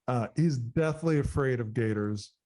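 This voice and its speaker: A man's voice: medium pitch, measured pace, warm tone. A man hosting a podcast, chatting casually and putting playful, teasing questions to a guest. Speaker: podcast host. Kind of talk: casual interview chat.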